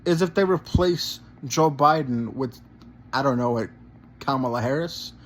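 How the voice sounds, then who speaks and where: A man's voice: medium pitch, a little slow. A man giving a casual reaction commentary, rambling and repeating himself, often ending phrases with "man" and swearing. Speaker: gaming channel commentator.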